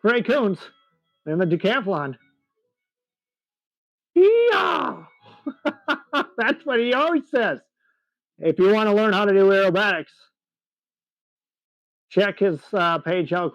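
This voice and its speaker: A man with a high voice calls an air show live, excitable and chatty, with frequent laughs. His voice sounds dull and muffled, but close and dry. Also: a little slow, no room sound.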